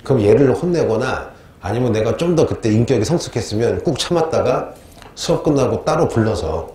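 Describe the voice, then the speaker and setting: Animated man quizzing students in a lecture. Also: mid-range voice, a little fast. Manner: animated, quizzing students with call-and-response questions. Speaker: history teacher. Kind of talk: lively classroom lecture. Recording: echoey room, faint noise.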